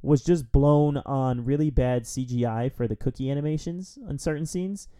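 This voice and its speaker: A man's voice: medium pitch, normal speed, mellow, smooth. A man hosting a film review podcast, recapping a plot in a rambling, wry, casual way. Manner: rambling, wry, with frequent fillers.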